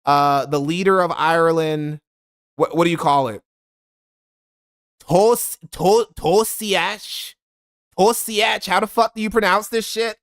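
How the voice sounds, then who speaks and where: Brief: male streamer, slightly high voice, cussing and mocking through casual live commentary. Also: fairly even intonation, a little slow, fairly bright tone. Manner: blunt, profane, mocking. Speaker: streamer reacting to a video.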